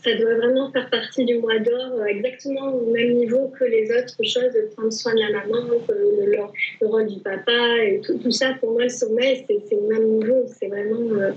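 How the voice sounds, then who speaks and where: A woman's voice: a little high, steady tone, moderate pace, a little mellow. A woman guest, a baby sleep consultant, in a casual live conversation, chatty and encouraging, often repeating words. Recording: muffled lo-fi live stream audio.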